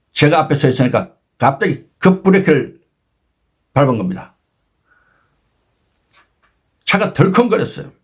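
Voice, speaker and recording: A man in his sixties hosting his own channel, retelling a personal story with dramatic emphasis and sudden jumps in pitch. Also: husky. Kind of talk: animated storytelling talk.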